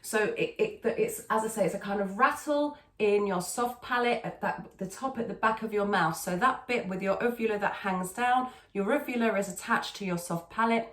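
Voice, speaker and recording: A woman with a mid-pitched voice gives a conversational singing lesson in a roomy, echoing space. She explains technique step by step like a teacher and repeats key words for emphasis. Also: moderate pace, hardly any pauses, fairly bright tone. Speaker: singing teacher and video host. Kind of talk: conversational vocal technique tutorial. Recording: echoey, roomy sound.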